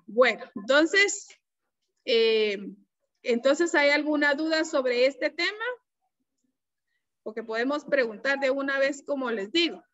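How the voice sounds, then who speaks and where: A woman teacher giving an online class, explaining slowly and patiently and checking often that her students follow. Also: high-pitched, a bit bright. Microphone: computer mic on a video call. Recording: dull, lo-fi video-call audio.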